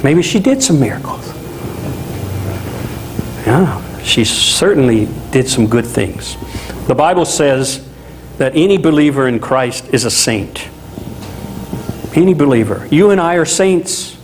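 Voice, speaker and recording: A middle-aged man from Louisiana preaching a sermon as a pastor in a small chapel, talking in a conversational, animated way with asides. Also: mid-range voice, a little slow, long pauses, slight background noise, low-quality recording. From Louisiana, USA.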